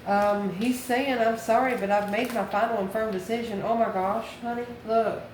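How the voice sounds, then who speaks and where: This tarot reader and channel host has a voice on the high side and speaks at a moderate pace. Her informal reading is addressed to the viewer as she muses and poses questions she then answers. The room is echoey, with steady background noise.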